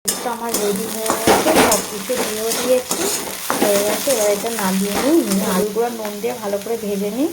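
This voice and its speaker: A woman's voice: medium pitch, fairly even intonation, fast, very noisy. A woman, chatting casually to viewers in a home vlog while she cooks in her kitchen. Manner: chatty, addresses viewers directly, frequent fillers. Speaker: home vlogger. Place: home kitchen with sizzling food.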